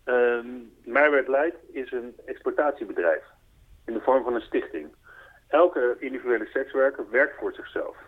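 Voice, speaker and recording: A man's voice: mid-range voice, moderate pace, dry recording. A man interviewed by phone as a foundation's spokesperson, earnestly explaining and patiently clarifying. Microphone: telephone. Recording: tinny phone line, dry.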